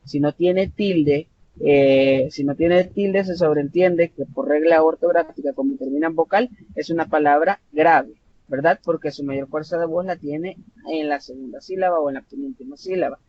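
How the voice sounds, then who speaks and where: A man's voice: fairly high pitch, moderate pace. A Salvadoran man tutoring an online class, explaining patiently with many fillers and self-corrections. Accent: Salvadoran Spanish. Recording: dull lo-fi online class audio with faint noise.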